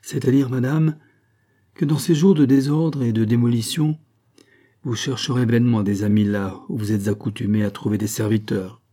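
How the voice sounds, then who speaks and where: A man's voice: medium pitch, fairly even intonation, warm tone, natural voice. A man reading aloud, voicing a grave, respectful doctor who speaks frankly in a storybook reading. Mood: solemn. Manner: measured, solemn.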